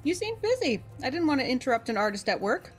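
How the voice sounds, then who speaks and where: A woman's voice: high voice, big pitch swings, fast talker, faint music behind. A woman player in a tabletop game, talking to a character in a friendly, chatty way.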